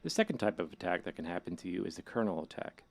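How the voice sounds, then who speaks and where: A low-pitched male hacker played by a man guides a newcomer through a horror video game. He speaks casually and wryly, like a scripted tutorial narrator, with an ominous edge. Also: very animated, fast, vocal fry, full character voice. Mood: instructive, casual.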